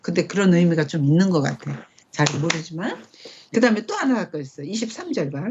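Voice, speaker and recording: A middle-aged woman leading a casual Bible study at home, speaking conversationally and checking in with quick rhetorical questions. Her voice sits low for a woman. It is captured on a dull, lo-fi recording. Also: big pitch swings, background noise.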